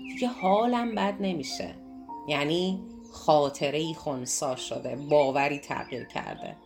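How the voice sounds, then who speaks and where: A woman teaches a self-development course in a lowish voice, pressing her points by repeating phrases. She speaks directly to her listeners as if they were her class. Faint music plays underneath. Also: creaky, a little mellow. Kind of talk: teaching talk to a course audience.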